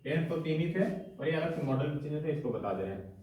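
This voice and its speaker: Guy teaching a grammar class, quizzes himself out loud, echo heavy room, faint hiss. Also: a little high, animated, fast, distant mic, lo-fi sound. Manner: asks questions and answers them himself. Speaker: English teacher. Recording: echoey room, voice from afar.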